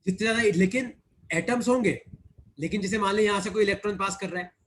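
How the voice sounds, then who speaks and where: A man with a fairly high voice teaches physics in an online class. He talks in a chatty way, repeats key points and teases his students. A faint hiss sits under the recording. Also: fast talker, a bit bright.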